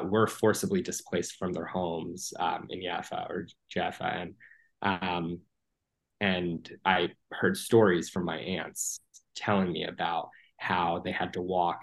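Interview guest, man in his 30s from the US: low, level delivery, earnest, lots of "um"s. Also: vocal fry, low-quality recording. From United States. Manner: earnest, measured, many "um" and "you know" fillers. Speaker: guest, former political appointee. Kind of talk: podcast interview.

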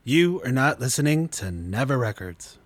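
A man's voice: mid-range voice, very animated, normal speed. A man hosting a music session, introducing a live song and back-announcing it, speaking directly to the listener. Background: music playing.

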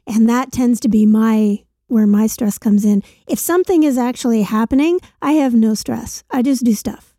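Woman, gravelly chest-cold voice, fairly high pitch, very soft dark tone, casual podcast chat, dry sound. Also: moderate pace, dry recording. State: sick with a chest infection. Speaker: podcast co-host.

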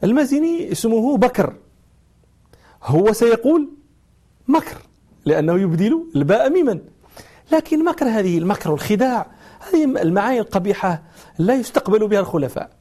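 A man teaching a religious lesson, weaving a story into careful grammar points. His voice sits a little high yet sounds soft and warm. He poses questions to the listeners and answers them himself. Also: a little fast, long pauses. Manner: explains grammar patiently, acts out quoted dialogue; lively storyteller with rising questions. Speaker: Islamic scholar and teacher.

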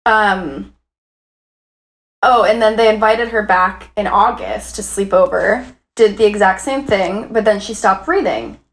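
A woman's voice: mid-range voice, unhurried. A woman co-hosting a true-crime chat, talking casually and reacting with lots of fillers. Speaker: podcast co-host.

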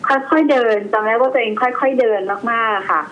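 A young woman telling a personal story in a casual chat, halting and hesitant, with many fillers. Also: on the high side. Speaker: guest storyteller. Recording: slightly dull, faint background noise.

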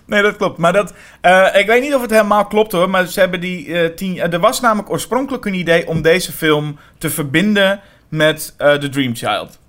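A man co-hosting a podcast, talking casually about horror films in quick, animated bursts with many fillers. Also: high-pitched. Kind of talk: casual film discussion.

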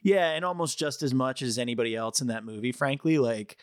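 Male podcast co-host, halting and reflective, mid-pitched voice, dry close recording. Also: lively intonation, clean tone, no room sound. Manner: thoughtful, hesitant, halting. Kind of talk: casual film podcast chat.

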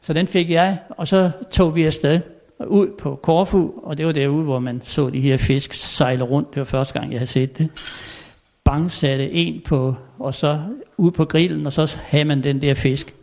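An older man telling anecdotes in a chatty way, chuckling often and filling pauses. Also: fairly high pitch, fairly even intonation, vocal fry, a little mellow. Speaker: storyteller. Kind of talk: anecdotal storytelling.

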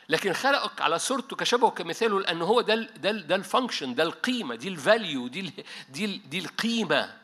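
A man with an Egyptian Arabic accent preaching a sermon to a church meeting, animated, dropping English words and often restarting mid-phrase. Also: high-pitched, brisk. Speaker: pastor.

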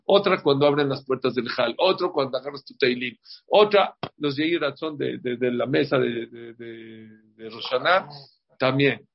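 Before a holiday, a man teaches a group a religious class in a medium-pitched voice at normal speed. He's emphatic, repeats words and keeps asking "ok?" The lo-fi recording is dull, with slight background noise.

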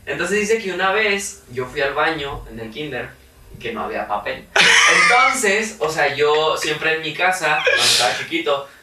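A young man with a Mexican accent, chatting casually and telling an animated story with shouted, laughing bits. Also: fairly high pitch, moderate pace. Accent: Mexican Spanish. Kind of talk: casual chat. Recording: echoey room, far from mic, noisy.

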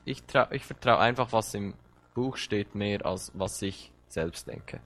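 Lower-voiced man preaching with fervor. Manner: impassioned, direct address with rising emphasis and repeated words. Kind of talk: sermon.

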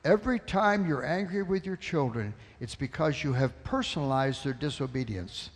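A man's voice: on the high side, animated, measured pace. A man preaching in English with live interpretation, telling a story and acting out scolding a child. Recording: long hall reverb.

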